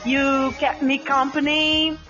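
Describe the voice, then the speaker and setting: A woman's voice: high-pitched, flat delivery, takes it slowly, bright, forceful tone, highs cut off, faint music behind. A woman in her late thirties whose native language is Portuguese, hosting a casual live podcast chat and talking hesitantly with many ums and restarts. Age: 30s. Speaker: podcast host.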